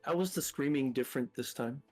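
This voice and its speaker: A man's voice: mid-range voice, brisk, a little mellow, faint music behind. A man playing a tabletop game, asking careful follow-up questions. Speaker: player. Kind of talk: casual game talk.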